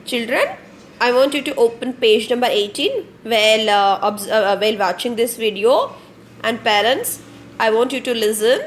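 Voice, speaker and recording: A young woman with an Indian English accent teaching a phonics lesson online to small children, slow and repetitive, often asking questions and answering them herself. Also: fairly high pitch, animated, a little hiss or hum. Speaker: kindergarten teacher.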